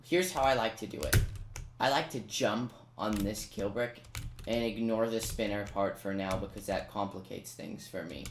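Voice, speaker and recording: Someone gives a casual step-by-step video game guide, speaking directly to viewers with chatty asides. The voice is medium-pitched at a moderate pace. The recording has roomy echo, noise and keyboard clicks.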